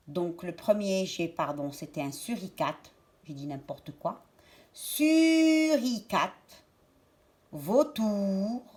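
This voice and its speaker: Repeating words and syllables for her young pupils, this lower-voiced female teacher delivers her lesson in a slow, clear manner.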